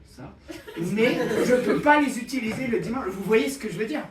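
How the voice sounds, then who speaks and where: Rambling comedian, distant in a room. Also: male voice, very high-pitched, expressive, moderate pace, a crowd in the background. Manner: rambling, self-interrupting storytelling; often laughing at his own lines. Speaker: stand-up comedian. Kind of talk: open-mic improv comedy. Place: small comedy venue stage. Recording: roomy, distant, audience noise. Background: audience.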